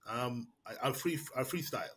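He's a Jamaican man, a prize-winning writer, responding to questions about his writing on a video call from a small indoor room through a webcam or laptop mic. His husky voice is medium-pitched and fairly bright, at a normal speed. He's reflective and frequently restarts sentences and repeats words.

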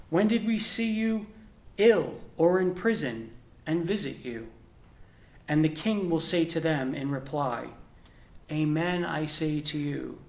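Earnest young deacon, echoey chapel. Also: male voice, fairly high pitch. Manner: measured, earnest proclamation with emphatic pauses. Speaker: deacon and seminarian. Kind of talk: gospel reading and homily. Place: indoor chapel with a stone wall.

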